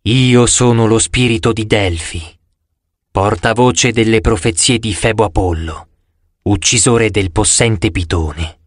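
Male narrator doing an eerie ancient spirit, deep and slow, dry close sound, audiobook. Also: dry recording. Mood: solemn. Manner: slow, low and hollow. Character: ancient oracle spirit, mummified, eerie and solemn. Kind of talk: audiobook character voice.

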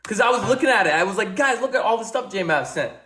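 High-voiced guy hosting a live stream, hyping the chat with repeated shouted countdowns, echoey room with faint music. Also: expressive, quick pace. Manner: repeats phrases, shouts countdowns to rally viewers. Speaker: livestream host. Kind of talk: hyping viewers during a live battle.

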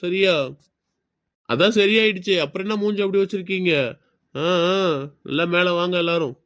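A man's voice: high-pitched, steady tone, moderate pace, fairly bright tone, a little hiss or hum. A man playing a grumbling film producer. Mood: reluctant. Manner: reluctant, grumbling. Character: grumbling male film producer, cautious and money-minded. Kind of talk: web drama dialogue.

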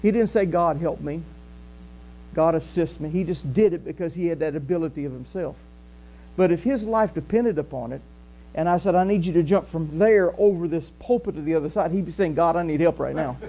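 An aging Southern pastor with a high-ish voice preaches briskly in a small church hall, keeping his sermon conversational. He strides across the stage, gesturing with animation, while a faint mains hum runs through the audio.

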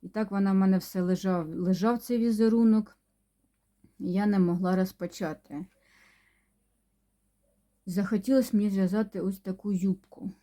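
Mellow-voiced woman chatting about her knitting. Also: mid-range voice, fairly even intonation. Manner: unhurried, chatty, with many pauses and hums. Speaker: knitting vlogger. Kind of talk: casual show-and-tell chat.

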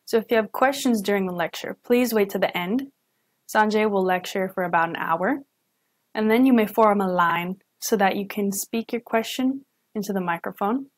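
A young woman studying sign language interpretation voices a signed lecture live at home into her webcam. Her mid-range voice comes out halting as she pauses, corrects herself and restarts.

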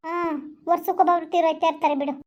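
Skit: woman playing a hurt young girlfriend, very high, fast and reproachful, dull lo-fi sound. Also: fairly even intonation. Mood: sulky. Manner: reproachful, repeats herself. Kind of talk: village skit phone-call acting.

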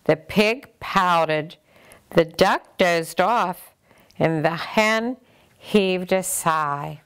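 An older woman gently and expressively reading a picture book aloud to children as a storyteller. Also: lowish voice, extremely slow, clear, resonant tone.

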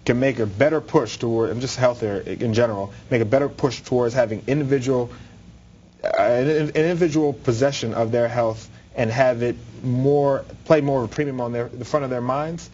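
A man's voice: mid-range voice, brisk, a little mellow, lo-fi sound, a little hiss or hum. A young man answering as an interview guest in a TV studio, articulate and explanatory. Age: young adult. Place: TV studio with red curtains. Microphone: lapel mic.

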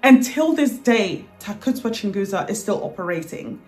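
A woman telling her own story in a lively, dramatic way, acting out what people said. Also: mid-range voice, normal speed, faint music behind. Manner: animated, dramatic retelling with acted quotes. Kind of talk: personal storytelling to camera.

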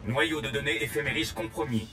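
A man voicing a cold male station computer in a video game, announcing reboots and countdowns in flat clipped system announcements through a robotic computer voice effect. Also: fairly low pitch, brisk. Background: loud game music.

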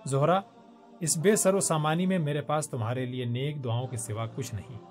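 A man voicing an earnest, protective soldier brother, speaking softly and solemnly in a storybook. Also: medium pitch, fairly even intonation, faint music behind, lightly acted.

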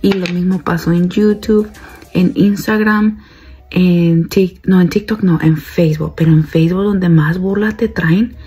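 A woman's voice: on the low side, fairly even intonation, a little slow, dark tone. A young woman vlogging casually to her viewers, chatty and repeating herself as she talks to them directly.

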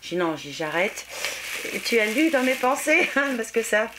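A woman's voice: on the high side, sing-song, normal speed, background noise. Chatty French woman unboxing beauty gifts. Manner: chatty, exclaiming, many fillers. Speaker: beauty vlogger. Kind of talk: casual unboxing chat.

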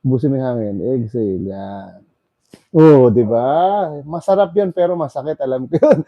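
A man working as a bone setter, calmly coaching a client to relax, breathe in and breathe out. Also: medium pitch, normal speed, no echo, dull audio. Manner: coaxing, repeats calm instructions. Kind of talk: guiding a client through a massage.

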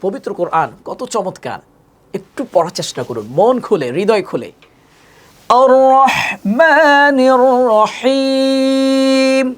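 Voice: mid-range voice, very animated, a little fast, a little mellow, breathy edge. A Quran reading teacher giving an online lesson, patiently spelling out Arabic letters and vowel marks syllable by syllable and repeating drills. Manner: patient, asks questions to the learner and answers them.

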